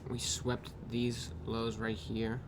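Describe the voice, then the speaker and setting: A man casually reviewing his trading day, tired and yawning, talking in a loose, unhurried way with drawn-out pauses and the odd swear word. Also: mid-range voice, completely flat delivery, noisy background. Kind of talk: casual screen-recorded trade review. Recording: clear keyboard typing in background.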